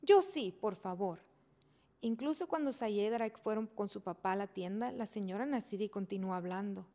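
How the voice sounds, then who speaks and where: A woman's voice: mid-range voice, fairly quick, dark tone. Woman reading a storybook aloud. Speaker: reader.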